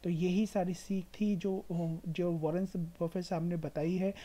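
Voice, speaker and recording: An Indian woman hosts an informal stock market explainer over screen share, her mellow, relaxed voice sitting a little low and her pace unhurried. She gives advice emphatically, repeating phrases to drive points home, and freely mixes English words into her speech.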